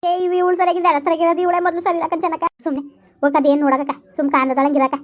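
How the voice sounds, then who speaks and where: A woman playing a loud, bitter village woman in a comedy skit, scolding and wailing. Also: very high voice, level tone, racing, dull audio. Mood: quarrelsome. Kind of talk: rural comedy skit acting.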